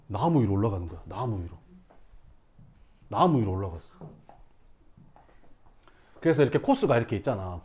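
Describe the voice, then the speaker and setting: A male math teacher tells his students a lively story in class, acting out scenes with shouts and sound effects. His voice is mid-range and husky.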